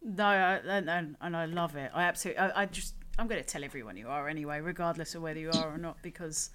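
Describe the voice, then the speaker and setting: A woman's voice: deep voice, fast talker, fairly bright tone, a little hiss or hum. A woman hosting a casual interview podcast in a chatty, informal, rambling way. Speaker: podcast host, former crane operator.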